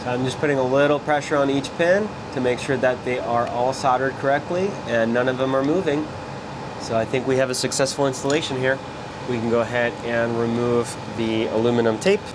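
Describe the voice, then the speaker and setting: A little fast and mid-range in pitch, a male electronics repair presenter chats through what he's doing while he works, step after step. Behind him is a steady noise resembling a fan.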